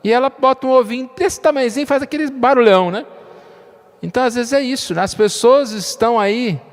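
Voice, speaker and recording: A man's voice: very high voice, brisk. A man preaching a sermon as pastor, chatty and joking, checking in with his listeners often. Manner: conversational, frequent tag questions, light humor. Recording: long reverb of a church hall.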